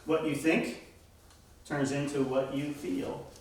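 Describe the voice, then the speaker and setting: A man's voice: fairly high pitch, level tone, slow pace, recorded from a distance. A man teaching a Bible class, speaking emphatically and asking the class questions. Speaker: church teacher. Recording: echoey room, voice from afar.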